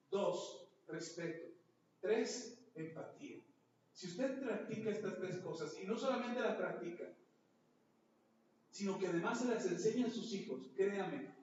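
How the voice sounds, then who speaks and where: High-voiced pastor preaching in an echoey church. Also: male voice. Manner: rhetorical questions to the congregation, acts out quoted voices. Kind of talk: sermon. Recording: echoey church hall, mic far off, dull and noisy.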